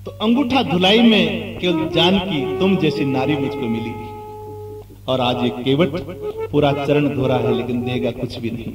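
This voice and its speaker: A male preacher voicing Lord Ram as a calm, fond divine prince in a low, measured tone. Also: lightly acted. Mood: amused. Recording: echoey hall, distant mic, music.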